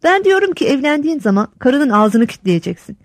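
A blunt old village headman holds forth with homespun sayings, as a woman reads him aloud. His voice sits fairly high and swings widely in pitch. The sound is close and dry. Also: big pitch swings, brisk, no room sound. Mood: lecturing. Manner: lecturing, folksy sayings.

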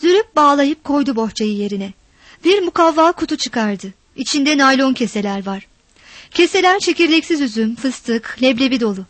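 A woman reading a story aloud with expressive, dramatic narration. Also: sits high, normal speed, no echo.

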